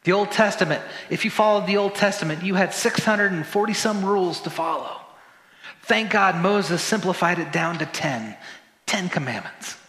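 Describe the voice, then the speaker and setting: A man's voice: sits high, normal speed, pushed and bright. A man preaching a sermon as pastor, talking conversationally with joking asides and repeated words. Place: church sanctuary. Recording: roomy church hall reverb.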